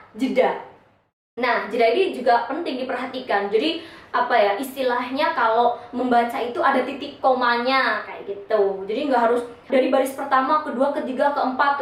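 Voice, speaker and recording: A young woman explaining how to read poetry in a casual, chatty classroom style, with frequent informal filler tags. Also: a little high. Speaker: poetry reading instructor. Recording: very echoey room, voice from a distance.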